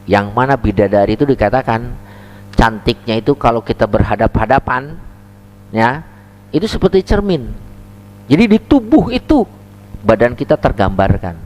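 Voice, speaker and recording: A man's voice: mid-range voice, sing-song, moderate pace, long pauses, a little mellow. A male preacher giving a sermon, telling stories animatedly and acting out their characters.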